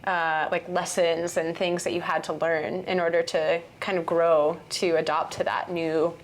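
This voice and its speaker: A woman's voice: on the low side, level tone, normal speed, slight background noise. Woman host asking interview questions. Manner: brief encouraging acknowledgments and questions. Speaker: podcast host. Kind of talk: casual interview.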